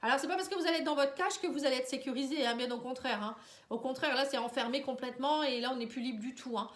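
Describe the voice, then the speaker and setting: A woman's voice: high-pitched, quick pace, fairly bright tone. A woman with a stuffy head cold, sounding tired, giving a casual tarot reading straight to the viewer and tagging her lines with little checks like "you see". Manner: talks straight to the viewer, tags lines with "hein" and "vous voyez". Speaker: tarot and oracle card reader. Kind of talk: casual horoscope card reading to camera. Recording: roomy, resonant sound.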